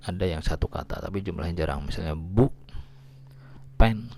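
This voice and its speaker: A man's voice: sits low, normal speed, creaky, a little mellow, slight background noise. A man lecturing on linguistics, explaining patiently and often restarting or repeating words. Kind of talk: recorded lecture.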